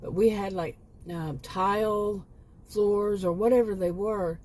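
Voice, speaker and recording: A woman's voice: medium pitch, fairly even intonation, a little slow, mellow. A woman in her late fifties chatting casually in a rambling vlog, often correcting herself and chuckling at her own asides. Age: 50s. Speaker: homemaking vlogger.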